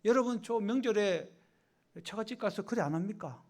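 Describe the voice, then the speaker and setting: Older pastor, male, raised pitch, Sunday sermon, dramatic soft-loud swings. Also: expressive, moderate pace. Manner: swings between loud exhortation and soft, hushed asides; acts out prayers and quoted voices. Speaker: senior pastor.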